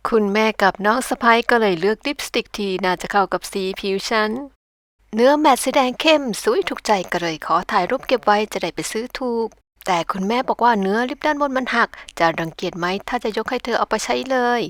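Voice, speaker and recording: A woman's voice: a little high, expressive, fairly quick, a bit bright, no room sound, clean studio sound. Middle-aged woman narrating her vlog. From Thailand. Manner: candid, reflective storytelling. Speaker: vlogger. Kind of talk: personal narration. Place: home in Japan.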